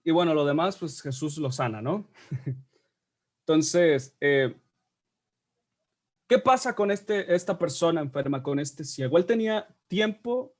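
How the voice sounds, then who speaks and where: A man's voice: on the high side, darkish tone. A man teaching a Bible study class in a conversational way, often checking in with his listeners. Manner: conversational, checks in with frequent tag questions.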